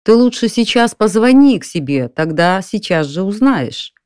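A reader of a story voicing an excited, insistent friend calling on the telephone, pitched above their narrating voice. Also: moderate pace, clear, resonant tone, no echo, clean studio sound, close to an everyday voice.

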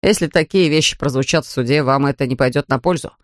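Man doing a stern tired cop, low, formal and dry, no room sound. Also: fast talker, no echo, lightly acted. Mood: official. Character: stern, weary male police officer. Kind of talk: audiobook character voice.

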